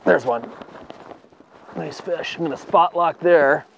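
Speaking slowly with a slightly high voice and some vocal fry, this fishing video producer demonstrates his tackle from an open boat on a lake. The recording has its highs cut off and carries a little hiss or hum. His manner stays upbeat and explanatory, and he gets excited at catches.

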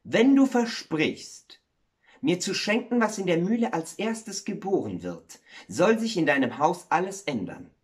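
A soft-spoken water spirit woman from a storybook tale, as a male narrator puts her on. She coaxes in a low, hushed voice that keeps rising and falling in lively swings. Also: measured pace. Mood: coaxing.

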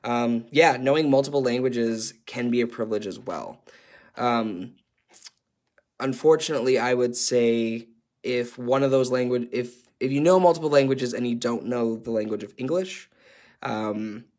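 With a mid-range, slightly mellow voice, a young man with a Canadian accent facilitates an online workshop. He is earnest, hesitant, and leans heavily on filler sounds.

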